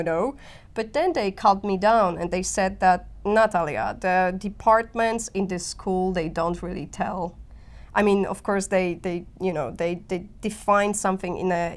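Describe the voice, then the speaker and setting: A woman in her thirties speaks English with a Polish accent, chatting casually as a guest artist. Her delivery is animated and searching, full of "uh", "like" and restarts. Her voice sits at an ordinary middle pitch. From Poland. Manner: animated, frequent fillers and restarts, laughs easily. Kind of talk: casual interview chat.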